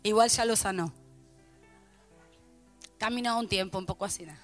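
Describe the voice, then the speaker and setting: A middle-aged woman pastor with a Rioplatense Argentine accent, telling funny stories to her congregation in an animated sermon. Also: mid-range voice, moderate pace, soft background music. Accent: Rioplatense Spanish. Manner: animated storytelling, playful asides to the congregation. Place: church before a live congregation.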